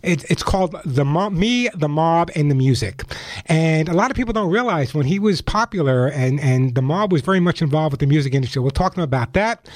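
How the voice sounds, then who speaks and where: A man's voice: fairly high pitch, lively intonation, fairly quick, no echo. A man hosting a live radio call-in show, talking chattily and directly to listeners on a close microphone. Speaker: radio pet advice show host. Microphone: close studio microphone.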